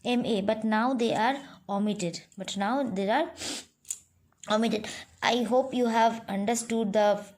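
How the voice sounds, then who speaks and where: A woman's voice: a little high, unhurried, a little mellow. A middle-aged woman with an Indian English accent, teaching a grammar lesson online to children, patient and repetitive with frequent "you know" and "right?".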